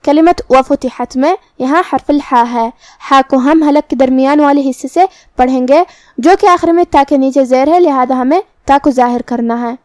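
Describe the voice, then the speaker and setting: A woman's voice: high-pitched, a little mellow, no echo. A woman teaching Quran recitation, explaining pronunciation rules one by one in a careful, methodical way. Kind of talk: tajweed lesson with slow recitation.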